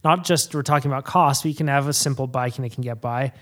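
A man hosting a casual podcast, relaxed and rambling, laughing often. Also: medium pitch, quick pace. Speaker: podcast host.

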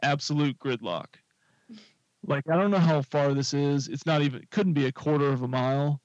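A man's voice: a little high, normal speed, no room sound. Man telling a rambling story, dull audio. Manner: rambling, animated anecdote with fillers. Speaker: podcast co-host telling a story. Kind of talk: casual storytelling chat.

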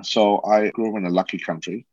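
A man's voice: lowish voice, fairly even intonation, a little fast, a little mellow, dry recording. A man, talking casually as an interview guest in a rambling way with many restarts. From Australia. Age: 40s. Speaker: guest, social entrepreneur. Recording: dull lo-fi sound.

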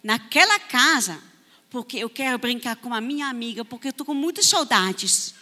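A woman voicing a little boy who is worried and eager to play, in a high childlike voice. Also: expressive, normal speed, bright, forceful tone, long reverb tail. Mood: worried, pleading.

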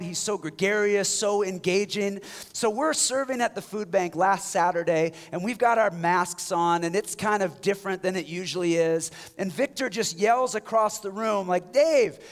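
A man delivers a sermon as a pastor, his voice sitting a little high for a man. He swings between ringing exhortation and quiet, near-whispered moments. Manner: passionate, wide swings from loud exhortation to hushed near-whisper.

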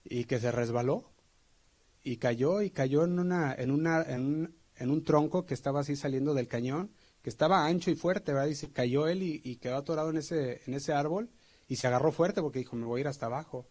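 A pastor preaching earnestly, checking in with the congregation. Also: male voice, on the high side, normal speed, darkish tone. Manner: earnest, asks the congregation for assent. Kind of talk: sermon.

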